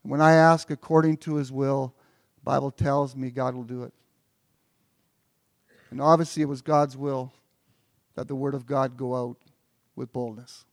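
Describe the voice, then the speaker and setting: A man's voice: medium pitch, fairly even intonation, measured pace, long pauses, dry recording, clean studio sound. Earnest man preaching a sermon. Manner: earnest, repeats words as he builds a point. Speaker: pastor.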